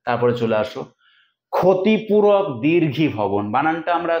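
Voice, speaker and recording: A man's voice: on the high side, sing-song, normal speed. A man teaching an exam-prep lecture, explaining step by step and sounding out words syllable by syllable. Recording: echoey, dull lo-fi room sound.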